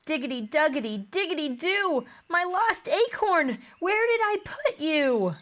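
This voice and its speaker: A woman voicing a busy, forgetful fox squirrel in a children's storybook reading, in a high, bouncy voice. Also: sing-song, a little slow, a bit bright. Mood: excited.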